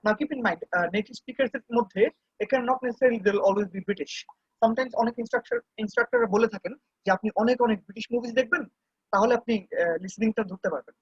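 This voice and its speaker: Man, IELTS instructor, husky voice, dry dull recording, filler-heavy code-switching. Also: very high voice, lively intonation, fast talker, dry recording. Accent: Bangladeshi. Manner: switches between Bengali and English, with many fillers. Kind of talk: online class lecture.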